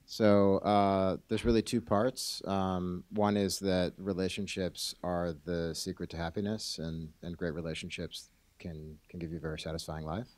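Deep-voiced man sharing from the audience. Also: little pitch movement, darkish tone, no room sound. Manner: halting, with repeated words and "um" fillers. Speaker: audience participant. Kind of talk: sharing an answer in a workshop.

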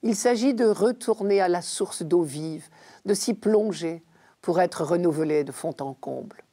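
A woman reading scripture aloud and commenting on it in a measured, deliberate way, slowing down to stress key phrases. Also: lowish voice, warm tone. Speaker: Bible commentator.

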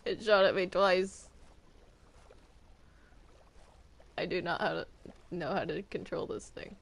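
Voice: mid-range voice, normal speed, gravelly, a bit bright, slight background noise. A performer voicing Bendy's hesitant, put-upon cartoon ink demon in an improvised game roleplay, stammering and complaining. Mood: unsure.

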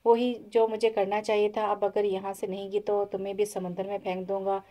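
A woman's voice: medium pitch, steady tone, brisk, dark tone, lightly acted. A woman voicing a short-tempered young rich man in an audio novel, speaking harshly and with threats. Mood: angry.

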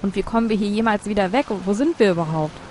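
Casting: female let's player, mid-pitched, casual commentary with faint game ambience behind. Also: quick pace, darkish tone, a little hiss or hum. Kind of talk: casual game commentary, reading dialogue options aloud.

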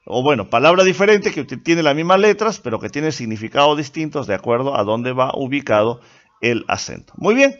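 A man teaching a lesson, explaining patiently with frequent filler pauses. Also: mid-range voice, sing-song. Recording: dull lo-fi recording.

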